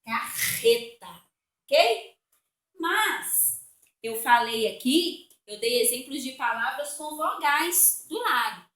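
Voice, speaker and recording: High, bright-voiced Brazilian woman teacher. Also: expressive, roomy sound. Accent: Brazilian Portuguese. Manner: patient, explains slowly and repeats words. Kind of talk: recorded spelling lesson for children.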